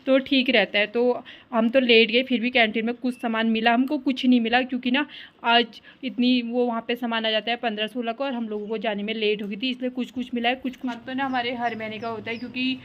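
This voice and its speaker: Vlogging about her family both at home and outside in traffic, a Uttarakhandi woman in her thirties rambles casually with plenty of filler in her regional Hindi accent. She talks briskly in a slightly high voice with little pitch movement, and the sound is lo-fi.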